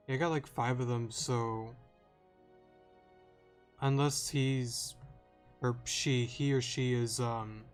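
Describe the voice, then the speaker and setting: A young man giving casual gameplay commentary as a let's-play gamer, rambling and hesitant with lots of ums and self-corrections. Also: medium pitch. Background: faint game music.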